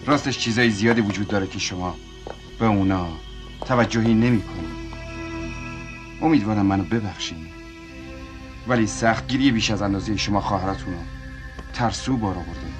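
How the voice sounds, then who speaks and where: A man voicing a calm, concerned family man in a dubbed film, speaking in a measured, apologetic way and then reassuringly. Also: lowish voice, music in the background, natural voice. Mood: earnest. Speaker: family friend recounting events. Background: film score.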